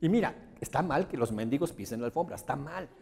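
A man's voice: medium pitch, fast, creaky, breathy edge. A man giving a motivational seminar to an audience, telling stories and acting out the voices of the people in them. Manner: animated storyteller who acts out quoted voices. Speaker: seminar speaker. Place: large room before an audience. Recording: reverberant hall.

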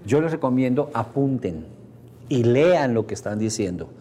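A man's voice: medium pitch, animated, normal speed, mellow. A man with a Mexican Spanish accent leads a workshop for a live group in a mid-range voice. He explains in an easygoing, conversational way, with frequent asides to his listeners. Faint ambient noise sits under the recording. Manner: conversational, explains with everyday examples and checks in with the audience. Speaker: seminar instructor. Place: seminar room with a live audience.

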